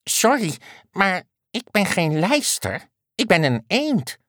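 A woman's voice: fairly low pitch, big pitch swings, slow pace, voice pushed up. A woman voicing a timid little duck in a children's story, meek and apologetic. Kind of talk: storybook character voice.

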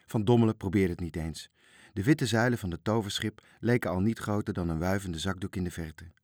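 Low-voiced man reading a storybook. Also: dry recording, studio quality. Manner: expressive, slowing at sad moments. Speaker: narrator.

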